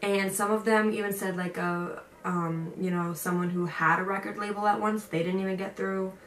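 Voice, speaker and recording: A young adult woman vlogger with a medium-pitched, slightly bright voice and fairly even intonation tells a story and offers advice at a moderate pace, casual, chatty and emphatic. She's in an indoor room with a picture on the wall, recorded on a distant mic with roomy echo and faint noise.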